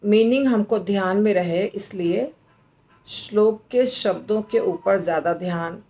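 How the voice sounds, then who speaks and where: A woman teaching how to pronounce and recite a verse, explaining slowly and patiently and chanting the lines. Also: mid-range voice, mellow. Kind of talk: slow recitation lesson.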